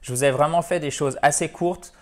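A French-speaking man with a French accent, teaching English in a chatty online lesson, explaining in French and saying English examples slowly. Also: a little high.

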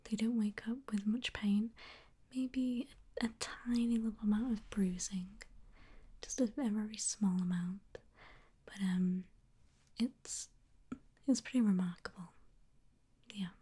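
A woman's voice: medium pitch, steady tone, measured pace, dark tone, breathy edge. A young woman whispering an ASMR roleplay as a reassuring pre-surgery nurse, with hesitant ums. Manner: reassuring, clinical.

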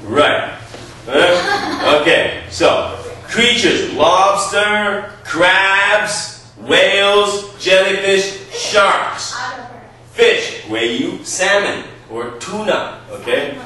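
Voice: medium pitch, animated, bright, forceful tone. Teacher on echoey old camcorder audio. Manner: coaxing, brisk, counts students in. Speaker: English teacher. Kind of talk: classroom drilling with children. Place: classroom. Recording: echoey classroom, far from camcorder mic, noisy.

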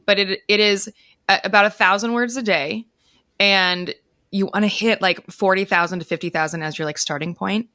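An interview guest in her thirties, both author and teacher, explains things informally and offers conversational advice via video call from an indoor room. Her mid-range voice is steady, bright and forceful at a normal speed, recorded dry and studio-quality on a close microphone.

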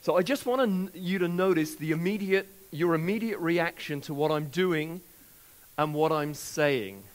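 A man leading a live seminar, speaking in a lively, encouraging way and repeating what audience members call out. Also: fairly high pitch, normal speed. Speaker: workshop presenter.

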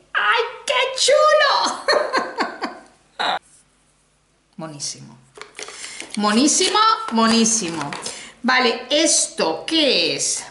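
A woman's voice: medium pitch, a bit bright. A middle-aged woman from Spain with a Spanish accent, chatting casually to viewers as she reviews a makeup haul, exclamatory and talking straight to the camera. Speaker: beauty vlogger. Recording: echoey room, faint noise.

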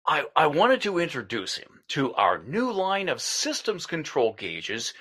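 A flustered, exasperated male salesman, stammering and losing patience. His bright voice swings widely in pitch. He talks at a slow pace between outbursts. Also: wildly swooping pitch, slightly rough, full character voice. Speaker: equipment salesman. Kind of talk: comedic short film acting.

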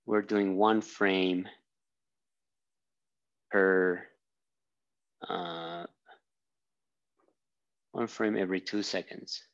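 In a small room, a physics instructor works at the whiteboard, his low voice steady and extremely slow, broken by long pauses. He thinks aloud, using fillers and restarting as he draws, and the audio is dull.

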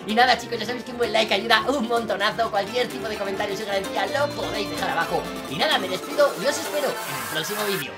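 A young man with a Spain Spanish accent doing excitable let's-play commentary as a gaming YouTuber, often breaking into shouted exclamations. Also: sits high, quick pace, few pauses, over loud music.

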